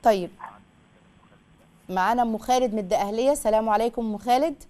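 A woman's voice: on the high side, fast, mellow. A woman with an Egyptian Arabic accent hosting a call-in show, giving earnest, step-by-step advice straight to the listener. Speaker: call-in show host and counselor.

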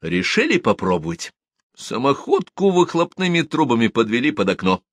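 A man reading an audiobook aloud in a measured, expressive storytelling manner. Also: medium pitch, no room sound. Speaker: audiobook narrator.

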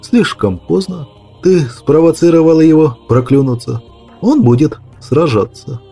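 A man voicing a laconic, stony male monster hunter in an audiobook, speaking quietly, low and curt. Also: animated, measured pace, husky, faint music behind, exaggerated voice. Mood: calm. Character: calm, laconic grown male witcher, stony. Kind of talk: audiobook character voice.

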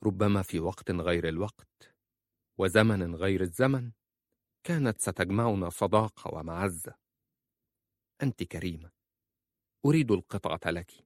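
A man's voice: low voice, animated, normal speed, long pauses, no echo, clean studio sound. A man voicing a desperate young mother held captive, begging with breathless urgency. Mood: earnest.

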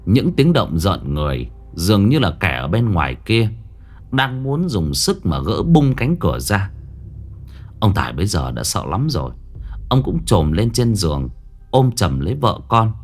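A man's voice: sits low, sing-song, normal speed, faint music behind. A man narrating a ghost story with suspenseful, dramatic pacing.

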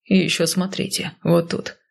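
A woman voicing a male healer who speaks dryly and without emotion, in a low mumble. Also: normal speed, gravelly. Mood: dry clinical. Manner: dry, flat and unemotional, mumbling. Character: dry, matter-of-fact male healer.

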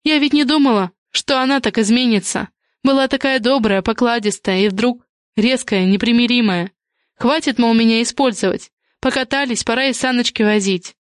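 A woman voicing an anxious middle-aged mother who pleads in a hurried, imploring way, in an audiobook. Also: on the high side, no echo, studio quality, voice pushed up, lightly acted. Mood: pleading. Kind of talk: audiobook character reading.

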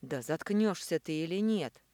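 Storybook role: boozy mocking man, loud and quick to snap, read by a woman, lively pitch. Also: dry recording, close to an everyday voice. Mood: angry. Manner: sneering, loud, quick to anger. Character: brash boozy middle-aged man, mocking, hot-tempered.

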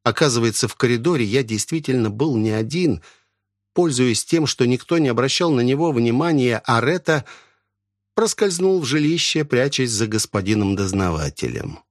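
A man narrating a literary story in the first person, with expressive storytelling. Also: medium pitch, moderate pace, no room sound, studio quality. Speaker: audiobook narrator.

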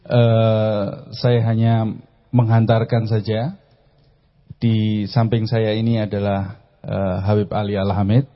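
A man's voice: lowish voice, level tone, slow pace, long pauses. A man opening with a formal prayer and introducing the next speaker in a plain, formal manner. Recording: lo-fi live recording.

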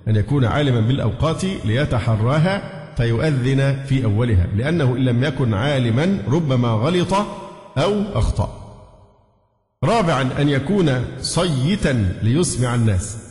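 A man's voice: medium pitch, animated, fairly quick, a little mellow. A man with an Egyptian accent teaching a lesson on a jurisprudence text. He mixes formal Arabic with colloquial asides, puts questions to his students and chants short phrases to show them. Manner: demonstrates chanted call-to-prayer phrases. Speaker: sheikh teaching a fiqh book. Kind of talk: classroom lesson explaining a text. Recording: echoey hall with long reverb.

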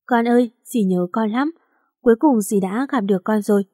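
A woman's voice: a little high, normal speed, warm tone, no echo, clean studio sound, lightly acted. A woman voicing a motherly older female housemaid who fusses with emotional questions, in a storybook reading. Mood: tearful.

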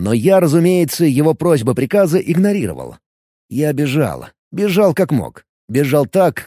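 A man narrating a first-person fantasy game story as an audiobook, in a lively storytelling manner. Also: fairly high pitch, dry recording, studio quality.

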